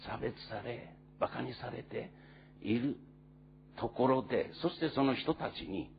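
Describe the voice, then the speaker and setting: A man preaching a sermon in an earnest, storytelling manner, with many pauses and fillers. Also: mid-range voice, creaky, dull audio, slight background noise. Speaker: pastor.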